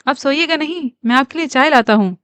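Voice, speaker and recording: A woman reading the part of a caring young husband who speaks gently and with concern to his ailing mother. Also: high voice, no room sound. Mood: worried.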